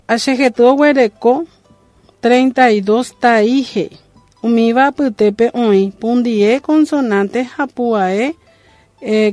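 A woman's voice: medium pitch, a little mellow, no echo. A woman student presenting a lesson, reading explanations from her notes. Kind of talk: class presentation.

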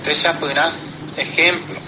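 A man teaching a grammar lesson, explaining step by step in a slow, deliberate way. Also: fairly high pitch, fairly even intonation, noisy background.

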